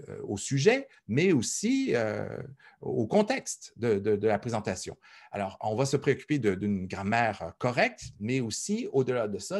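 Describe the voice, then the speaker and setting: A man's voice: fairly low pitch, a little mellow. A man giving a university lecture, talking in a conversational way, with many fillers and repeated words. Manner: conversational, thinks aloud. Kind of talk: recorded lecture.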